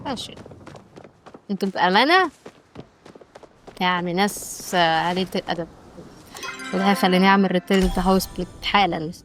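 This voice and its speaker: A woman's voice: on the low side, fast talker, pauses often, a bit bright, faint music behind. Egyptian lady gaming youtuber, casual chatty commentary, lots of exclaiming at the npcs. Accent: Egyptian Arabic. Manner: chatty, exclaiming, bantering with game characters. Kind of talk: casual let's-play commentary.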